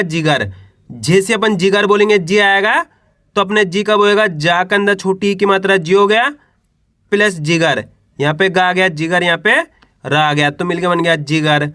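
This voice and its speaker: Male teacher, high pitch, patient step-by-step spelling drill, dry close-miked sound. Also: fairly bright tone, dry recording. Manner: spells out syllables slowly, then asks "what will we read?". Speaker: Hindi teacher. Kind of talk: slow spelling lesson for children.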